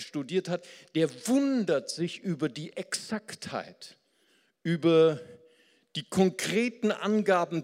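An older preacher from the Rhineland speaks with a Rhineland German accent. His delivery swings between quiet, drawn-out passages and loud, emphatic ones. He sounds like he is in a hall with a long reverb tail. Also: a little high. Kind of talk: sermon.

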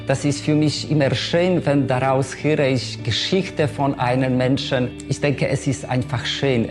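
A man from Poland, giving a curious, open testimony in a church video. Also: mid-range voice. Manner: curious, warm-hearted. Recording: guitar music underneath.

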